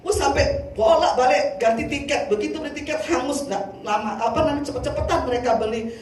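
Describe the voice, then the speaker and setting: An older woman evangelist from Indonesia giving a lively sermon testimony, often turning to the congregation. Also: sits high, quick pace. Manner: lively storytelling, addresses congregation as saudara. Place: church hall. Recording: echoey hall from far off, faint noise.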